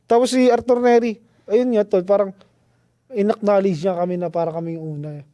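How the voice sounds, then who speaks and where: A man guest on a podcast, telling a story in a casual, slangy, animated way with lots of restarts. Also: high-pitched, brisk, no echo, dull audio. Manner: animated, slangy, keeps saying "tol"; restarts and trails off often.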